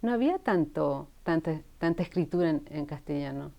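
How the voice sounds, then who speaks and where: A woman's voice: low voice, animated, moderate pace, vocal fry, mellow. A woman in her sixties from Chile, a guest writer talking thoughtfully in an in-person interview at a university, often restarting her sentences. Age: 60s. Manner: thoughtful, with frequent restarts and trailing asides. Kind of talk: casual interview conversation.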